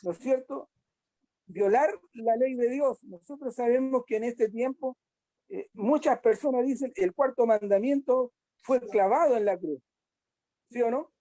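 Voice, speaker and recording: A woman's voice: a little high, a little slow, dark tone, no room sound, rough recording. A woman reviewing a church Bible lesson, asking the listeners questions and hesitating often. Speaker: Sabbath school teacher.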